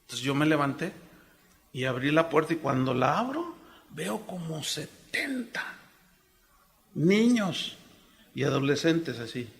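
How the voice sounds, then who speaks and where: A middle-aged man from Mexico preaching a sermon as pastor, telling stories in an animated way and acting out the voices of the people he quotes. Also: a little high, gravelly. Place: church congress hall.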